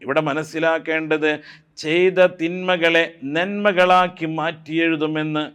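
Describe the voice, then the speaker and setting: Male Islamic preacher, fairly high voice, smooth and resonant, sermon storytelling. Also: steady tone, a bit bright. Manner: chants Quranic Arabic slowly, then tells stories with acted quotes.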